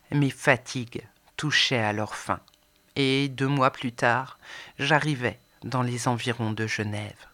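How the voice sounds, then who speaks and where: A woman narrating an audiobook in the first person, expressive, swinging between soft and emphatic delivery. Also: rumbling low. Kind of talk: scripted narration.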